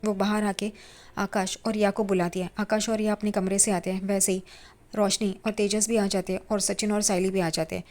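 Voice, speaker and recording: Woman, mid pitch, casual conversational recap of a drama episode, slips the characters' lines into her retelling. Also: level tone, a little fast, darkish tone. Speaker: TV serial recap narrator.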